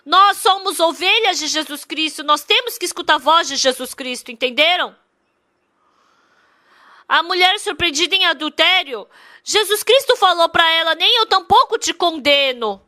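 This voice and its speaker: Woman, interpreted sermon, very high voice, emphatic, repetitive. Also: expressive, moderate pace, bright, forceful tone, dry recording, studio quality. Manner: emphatic and repetitive, with many rhetorical questions.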